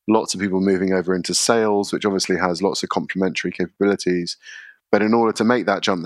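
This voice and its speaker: A man, a podcast guest explaining his workplace practices in a measured way, often using fillers. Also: sits low, dry recording, clean studio sound. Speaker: guest, contact centre leader. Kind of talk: podcast interview answers.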